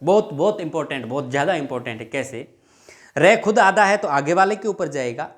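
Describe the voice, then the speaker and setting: A man teaching a Hindi grammar lesson for exam prep, explaining patiently, repeating words slowly and asking his students questions. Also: a little high, lively intonation. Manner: dictates rules word by word.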